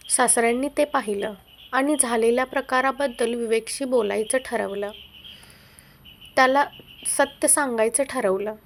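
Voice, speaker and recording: High-voiced woman narrating a story. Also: a little hiss or hum.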